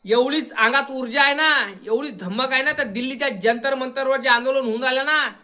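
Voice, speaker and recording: A man's voice: very high-pitched, fairly quick, sharp tone. A young man delivering a combative video rant, repeatedly challenging his listener. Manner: combative, repeatedly demanding "got it?". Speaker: social media commentator.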